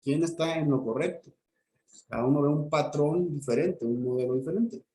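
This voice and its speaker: A man's voice: on the high side, normal speed, dark tone, reverberant. A man, lecturing a class and checking in with "¿ok?" as he explains step by step. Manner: explanatory, frequent "¿ok?" check-ins and restarts. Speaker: teacher.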